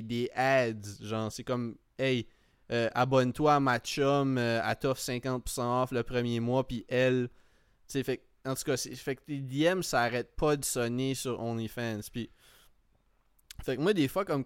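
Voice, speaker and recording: This podcast host, a man with a Quebec French accent, chats casually and tells comic anecdotes, rambling, repeating himself and sprinkling in English slang. His medium-pitched voice is clear and resonant, recorded dry in studio quality.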